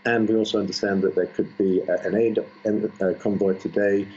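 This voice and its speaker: A deep, mellow-voiced man reporting live as a news correspondent, coming through a muffled, low-quality stream link. A faint hiss sits under his voice, and he talks haltingly with many fillers and restarts. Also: flat delivery. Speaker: foreign correspondent. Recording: muffled lo-fi line with faint noise.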